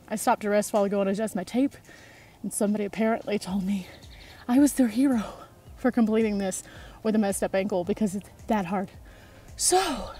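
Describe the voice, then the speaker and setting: A woman's voice: medium pitch, warm tone. A woman in her thirties vlogging to a phone held at arm's length while climbing a steep outdoor trail, tired and out of breath. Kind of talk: hiking vlog to camera.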